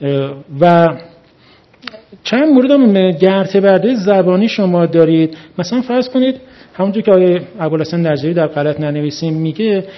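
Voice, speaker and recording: High-voiced man giving a methodical critique. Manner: methodical, critical, talks through examples. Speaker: reviewer of a translated book. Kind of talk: critique at a panel. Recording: dull lo-fi recording.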